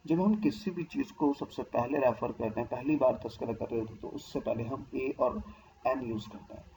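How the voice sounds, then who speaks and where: A man's voice: medium pitch, fairly quick, dark tone, slight background noise, low-quality recording. A man teaching a grammar lesson, explaining patiently and stopping often to check that the listener follows. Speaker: English teacher.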